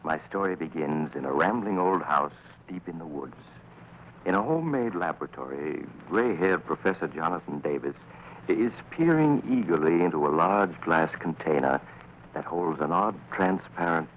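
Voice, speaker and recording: An actor playing a sinister, teasing storyteller who hosts and narrates a 1940s radio suspense show with theatrical, deliberate pauses. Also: male voice, sits low, lively intonation, a little hiss or hum. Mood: suspenseful. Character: sinister, teasing male mysterious traveler storyteller. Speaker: host and narrator. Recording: muffled old radio broadcast. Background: music.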